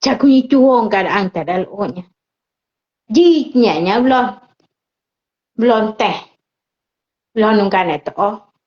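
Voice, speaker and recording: On a muffled live stream, a Chatino-speaking woman from Oaxaca, Mexico, works as a lay preacher, reflecting on the Bible and reading comments from viewers. She speaks slowly and earnestly in an unhurried way, breaking off from preaching to chat. Her voice is on the high side with a darkish tone.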